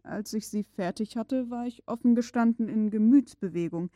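A woman reading a classic novel aloud as an audiobook narrator, in a calm, measured and expressive storytelling manner. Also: a little high, no echo. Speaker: audiobook reader.

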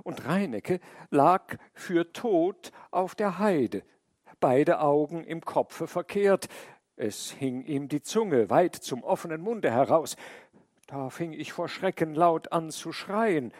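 A man's voice: fairly high pitch, animated, slow, a little mellow, no room sound, studio quality. A man voicing a grieving, wailing crow. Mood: lamenting. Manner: wailing, pleading lament. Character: grieving talkative male crow, lamenting.

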